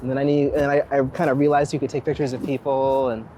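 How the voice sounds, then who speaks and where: Fast and level, with a warm tone in his mid-range voice, an American street photographer from Philadelphia chats casually while walking, wry and rambling yet thoughtful. City street noise, traffic, and passing vehicles surround the interview.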